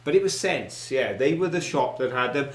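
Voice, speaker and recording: Man, middle-aged, South Wales Valleys accent. Casual online co-host, mid-pitched voice, recorded in a roomy space. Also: animated, normal speed. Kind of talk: casual chat with viewers. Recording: roomy, echoey indoor sound.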